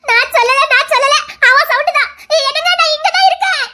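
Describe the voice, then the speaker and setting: Woman doing trapped young woman in a radio drama, shrill and teary, begging to be saved. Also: brisk, sharp tone. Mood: frightened. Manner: tearful and pleading. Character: frightened young woman trapped, calling for help.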